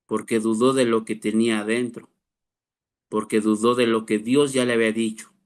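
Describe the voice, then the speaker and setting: A man's voice: fairly low pitch, little pitch movement, moderate pace. A man, preaching a sermon to his class, earnest, asking rhetorical questions to his listeners. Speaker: pastor teaching a class.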